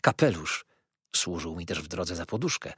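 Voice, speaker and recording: A man's voice: sits low, lively intonation, moderate pace, a bit bright, slightly rough, dry recording, studio quality. A man reading a novel aloud as an audiobook narrator, telling the story expressively. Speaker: audiobook reader. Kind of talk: scripted narration.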